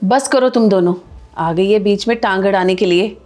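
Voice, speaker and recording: A woman's voice: medium pitch, normal speed, darkish tone, soft background music, lightly acted. A woman playing a domineering mother-in-law who scolds and commands her family in a short film. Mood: scolding. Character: harsh domineering mother-in-law, grandmother figure. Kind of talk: Hindi short film acting.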